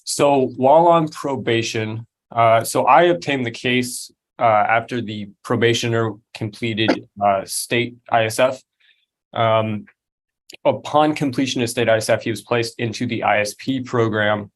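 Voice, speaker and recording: A man giving courtroom testimony as a probation officer over a video call, formal and deferential, with halting phrasing. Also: medium pitch. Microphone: online video call.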